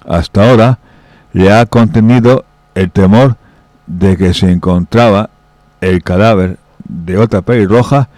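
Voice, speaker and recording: A man reading a pulp western story aloud as storyteller, steady and unhurried with small restarts. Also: fairly low pitch, dry recording.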